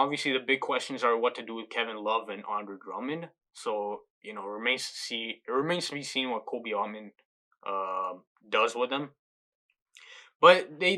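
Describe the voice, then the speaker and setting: A man's voice: medium pitch, lively intonation, normal speed, pushed and bright. A man co-hosting a casual sports podcast, laid-back, trailing off in volume at the ends of phrases. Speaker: podcast co-host.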